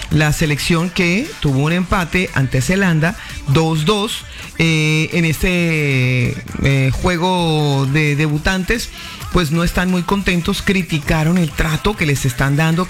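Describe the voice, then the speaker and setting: A woman co-hosting a morning radio show, teasing and quick to correct her partner. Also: low voice. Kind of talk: casual radio chat.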